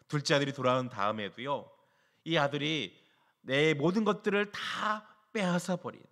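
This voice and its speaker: A man with a fairly high voice preaching a sermon from the pulpit. He keeps asking the congregation questions. His delivery swings between emphatic, rising lines and soft, hushed stretches. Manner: poses rhetorical questions to the congregation. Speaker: pastor. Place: church.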